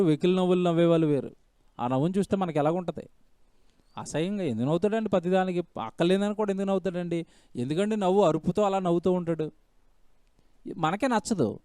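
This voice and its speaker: Man preaching, high-pitched, smooth resonant voice, dry close sound, emphatic, repeats phrases, rhetorical questions. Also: darkish tone, dry recording. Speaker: pastor. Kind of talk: sermon.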